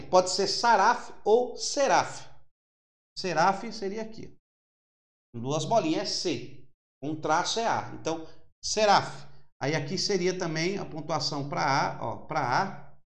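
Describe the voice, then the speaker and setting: A male preacher giving a fervent sermon, slowing down to explain Hebrew letters as if writing them on a board. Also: high-pitched, fairly bright tone, roomy sound.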